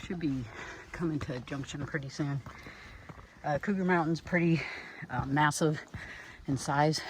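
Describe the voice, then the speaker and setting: Man, hiking vlogger, out of breath, slightly high voice, noisy outdoor camera audio. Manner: breathing heavy while walking uphill. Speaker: hiker vlogger. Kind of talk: casual narration while hiking. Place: outdoors on a forest trail.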